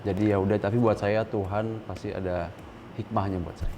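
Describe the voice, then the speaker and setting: A man's voice: on the low side, little pitch movement, brisk, background noise. A man in his thirties speaking candidly as an interview guest, earnest and dropping English words into his speech. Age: 30s. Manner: earnest, mixes English words, stressed rises when quoting others.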